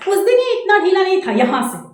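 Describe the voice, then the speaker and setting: Speaking in a very high, sing-song voice, an Indian vlogger in her thirties with a Jharkhand Hindi accent talks fast and loud in a casual home vlog indoors. Only the camera's own mic picks her up, so she sounds echoey and camera-distance away.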